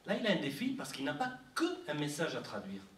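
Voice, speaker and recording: A man giving a university lecture on translation, animated, with frequent fillers and restarts. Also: on the high side, brisk, slight background noise. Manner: animated, repeats himself, many fillers. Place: university library lecture room. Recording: echoey room, mic from far off.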